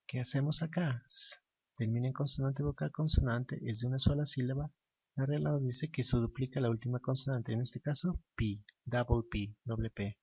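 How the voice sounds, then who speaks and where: A man with a gravelly, husky voice explains grammar rules one step at a time. He asks his class a question, then answers it himself, and he stresses each rule again. The recording is dull, lo-fi and dry. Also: medium pitch, fairly even intonation, normal speed, dry recording. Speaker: English teacher.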